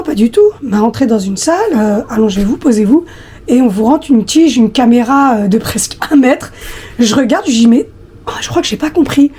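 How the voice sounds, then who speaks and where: A woman in her thirties with a husky, slightly hoarse voice, chatting casually to her viewers with many hesitations. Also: a little high, mellow, slight background noise. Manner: hesitant, many fillers, talks directly to viewers. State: hoarse after flu, coughing. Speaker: lifestyle vlogger.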